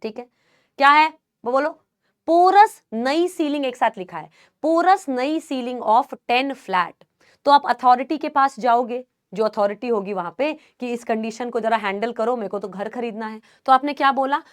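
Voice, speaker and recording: A woman biology teacher, lecturing a class and drilling a memory trick through slow repetition. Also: fairly high pitch. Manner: slow drilling repetition, addresses students as beta.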